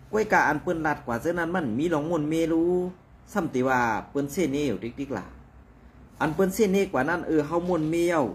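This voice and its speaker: A man talks through the news in a loose, conversational commentary, full of fillers and asides. His pitch rises and falls a great deal as he goes, though it sits in an ordinary middle register. Faint background noise runs under his voice.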